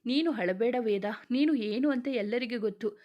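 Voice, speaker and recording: Gentle young wife, motherly and soothing, read by a woman storyteller. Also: a little high, normal speed, highs cut off, close to an everyday voice. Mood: tender, comforting. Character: caring elder sister-in-law, gentle woman.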